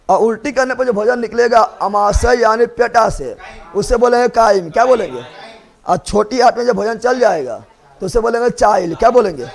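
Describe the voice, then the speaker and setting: A man's voice: very high-pitched, vocal fry. A man teaching a biology class, drilling students with repeated questions and playfully scolding them. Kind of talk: classroom lecture.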